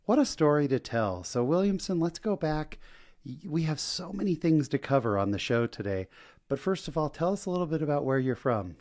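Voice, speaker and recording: A man's voice: fairly high pitch, expressive, fairly quick, a little mellow. A man hosting a podcast interview in a studio, chatty and enthusiastic, with plenty of fillers. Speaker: podcast host.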